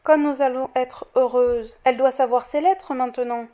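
A woman's voice: high voice, fairly even intonation, normal speed, mellow, natural voice. A woman voicing a feverish young mother who pleads impetuously for her child. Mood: dreamy.

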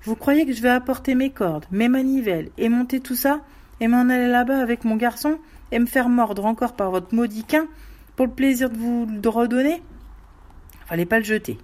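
A woman voicing a blunt, grasping male peasant well-digger who talks loudly and haggles in exasperation, in a storybook reading. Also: on the high side, moderate pace, voice pushed up, natural voice. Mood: gruff haggling.

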